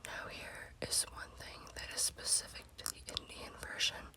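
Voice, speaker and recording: A woman leads a series of spooky ASMR stories in a hushed, breathy whisper. Her pacing stays slow and measured throughout.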